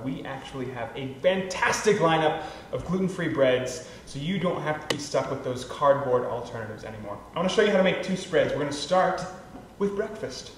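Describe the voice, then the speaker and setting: Upbeat young male cooking host, talks straight to camera; echoey room with noise behind. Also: fairly high pitch. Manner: chatty, playful and upbeat, addressing viewers directly. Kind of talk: scripted cooking demonstration. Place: kitchen.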